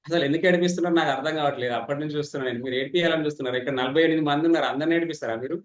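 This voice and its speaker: A man runs an online public speaking class. His voice sits a bit high and the words come quickly. He is animated and teases his students, and the room gives his voice a roomy echo. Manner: fast, animated, teasing participants. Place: online meeting.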